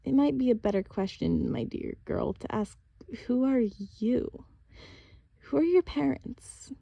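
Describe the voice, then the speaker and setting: A woman reading an audiobook, voicing a calm, commanding young goddess huntress who speaks in a formal, measured way. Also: medium pitch, creaky, breathy edge, dry recording, lo-fi sound. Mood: gentle grave.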